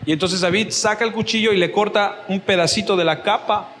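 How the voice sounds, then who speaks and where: A man preaching a sermon as pastor, telling Bible stories with lively energy and acting out the scenes. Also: sits high, a little fast, reverberant, in a large hall. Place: church.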